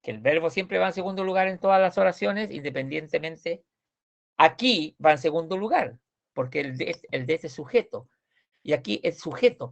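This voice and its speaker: A man with a gravelly, creaky voice explains grammar in a class. He talks patiently, repeats words and keeps checking that his students follow. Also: fairly high pitch, muffled recording. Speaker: Swedish teacher.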